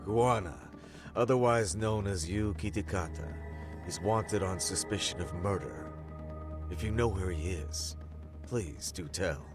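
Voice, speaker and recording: Menacing game villain, high-ranking policeman: low, polished condescension over clearly audible music. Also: unhurried. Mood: condescending. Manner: polite, smug, veiled threat. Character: smug, menacing senior male security police official. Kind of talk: dubbed video game drama acting. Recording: music behind the voice.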